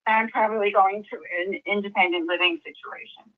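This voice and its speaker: An older woman selling her house over the phone, answering plainly and slowly and often asking the caller to repeat himself. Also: mid-range voice, fairly even intonation. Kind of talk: phone conversation. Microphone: phone call. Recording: dull lo-fi phone line.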